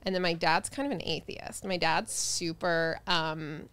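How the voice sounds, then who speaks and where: A woman's voice: fairly low pitch, steady tone, unhurried, a bit bright, clear, resonant tone, dry recording. A woman in her thirties from New Jersey, chatting casually as a guest comedian on a podcast and laughing often. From New Jersey, United States. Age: 30s.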